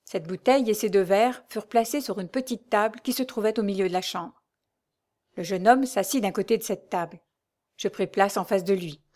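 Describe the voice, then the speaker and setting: An audiobook reader, a woman with a mid-range voice, reads a classic novel aloud in a measured, even storytelling style.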